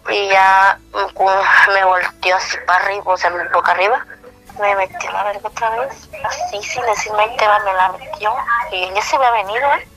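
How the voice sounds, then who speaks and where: Bright-voiced Mexican woman telling a story. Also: medium pitch, steady tone, rough recording. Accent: Mexican Spanish. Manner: halting, sighing and giggling, many restarts. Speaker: caller telling her story. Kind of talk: intimate first-person story by phone.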